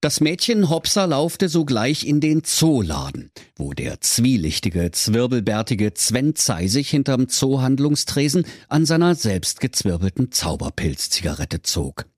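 Male storyteller, mock-solemn, comic fairy tale, very animated pitch, dry close sound. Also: a little slow, hardly any pauses, no room sound.

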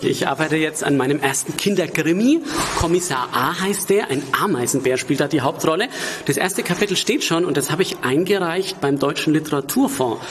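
A man's voice: fairly high pitch, lively intonation, a little fast, fairly bright tone, slight background noise. A man in his forties with a Franconian accent and a rolled r, answering conversationally as an interview guest. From Franconia, Germany. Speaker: poet and author, interview guest.

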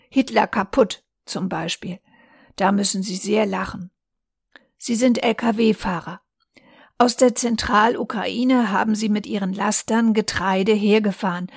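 A woman reading a newspaper reportage aloud in a calm, measured way. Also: medium pitch, gravelly, no echo, clean studio sound. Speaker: volunteer reader.

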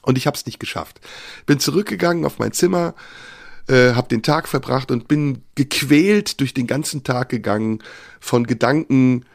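A man telling a listener a personal story, reflective and unhurried, often pausing with fillers. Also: mid-range voice, vocal fry, no room sound, clean studio sound.

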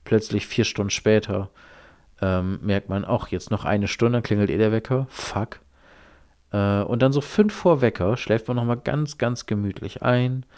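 A man's voice: fairly low pitch, normal speed, darkish tone, clean tone. A man hosting a solo podcast, talking casually and rambling, with offhand swearing. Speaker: podcast host.

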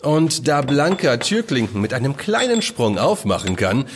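A man's voice: medium pitch, big pitch swings, normal speed, a little hiss or hum, natural voice. An actor playing a friendly, hospitable plantation owner in an audio play, who welcomes his guests and explains things patiently. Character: friendly adult male orange plantation owner.

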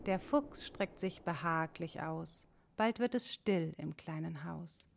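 Brief: woman storybook narrator, low and unhurried, rhyming cadence, faint noise behind. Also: vocal fry. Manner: measured, sing-song rhyming delivery. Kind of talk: reading a rhymed children's storybook.

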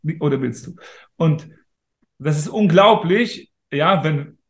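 Man, 30s, fairly high voice, emphatic, motivational, casual interview, roomy echo. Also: animated, slow. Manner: emphatic, motivational, talks straight to listeners. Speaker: interview guest.

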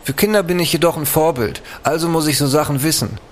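A man's voice: a little high, quick pace, a little hiss or hum, natural voice. A man playing a self-mocking hip, childless uncle in a spoof app commercial, talking in casual hipster slang. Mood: smug, casual.

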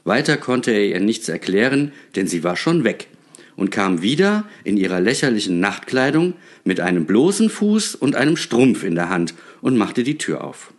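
Man, storybook narrator, theatrical, lively intonation, lowish voice. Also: normal speed. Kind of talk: storybook reading.

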